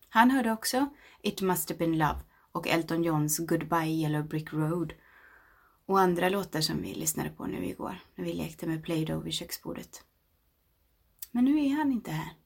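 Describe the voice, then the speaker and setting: Woman, 30s, gravelly low voice; slow intimate meditative reading with whispered passages. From Sweden. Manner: slow, reflective and intimate, often dropping to a whisper. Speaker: narrator.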